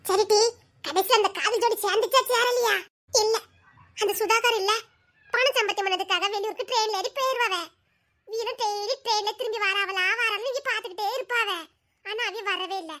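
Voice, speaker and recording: A woman's voice: very high-pitched, brisk, sharp tone. A woman, playing two teasing girlfriends in a comedy skit with playful, melodramatic chatter. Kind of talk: village comedy skit dialogue.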